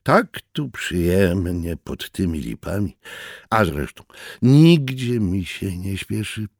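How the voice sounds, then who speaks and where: A man with a low, raspy voice reading a story aloud and voicing a sly, amused foreign professor who speaks slowly and courteously. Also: sing-song, darkish tone, no room sound, studio quality, exaggerated voice. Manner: amused, unhurried, insinuating.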